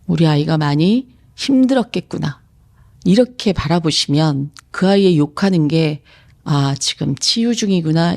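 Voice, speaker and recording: A woman's voice: deep voice, darkish tone. Woman counselor in her 50s, earnest and reflective, doing a radio-style advice segment. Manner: earnest, reflective, emphatic at times. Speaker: psychological counselor. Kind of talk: radio-style advice reading of a viewer letter.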